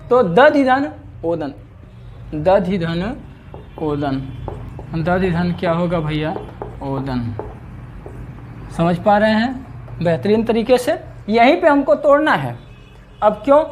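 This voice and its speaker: Lively man teaching grammar. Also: sits high. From India. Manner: lively, repeats questions to students, calls them bhaiya. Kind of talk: exam-prep grammar lesson.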